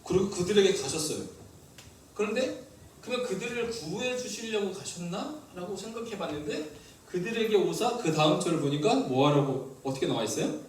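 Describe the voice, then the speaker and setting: A male pastor preaching a sermon, lively and asking the congregation questions. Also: high voice, a little fast, heavy reverb, recorded from a distance, slight background noise, rough recording. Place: church hall.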